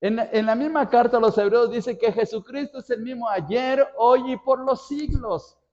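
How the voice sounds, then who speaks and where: A man's voice: extremely high pitch, moderate pace, a little mellow, dull audio. A man preaching a sermon as pastor, telling stories with big dramatic rises and drops in his voice. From Mexico.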